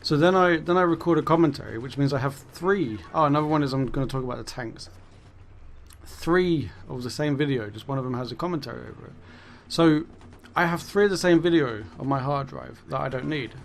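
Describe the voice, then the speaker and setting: A man at medium pitch speaks briskly in a gravelly voice, with a little hiss or hum in the recording. Chatting like a gaming YouTuber, he rambles through a casual commentary monologue, fixes his own words, and laughs off his swearing. He's clearly losing his voice, which sounds strained and fading.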